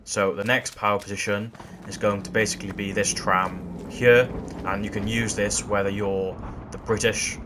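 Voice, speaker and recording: A man walking through video game tactics in a gameplay tutorial, explaining in a steady way that often repeats "again". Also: on the low side, normal speed, background noise. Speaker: gaming channel host.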